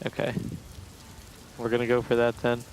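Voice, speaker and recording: A man's voice: medium pitch, completely flat delivery, normal speed, over a noisy crowd, rough recording. A man chatting casually as a player in a tabletop role-playing game. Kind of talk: casual chat.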